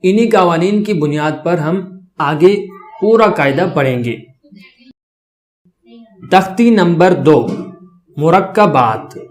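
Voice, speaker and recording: A man with a high voice leads a beginners' reading lesson. He stretches out each letter sound slowly and keeps checking that his learners follow. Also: expressive. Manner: slow, drawn-out letter sounds for repetition, checks in often. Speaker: Arabic alphabet teacher.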